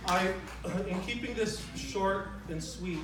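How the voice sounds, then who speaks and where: A middle-aged man gives an informal eulogy, speaking in a halting, conversational way and often repeating his phrases. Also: high-pitched, heavy background noise. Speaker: son giving a eulogy for his father. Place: large reverberant room at a memorial gathering. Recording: very echoey, distant microphone in room.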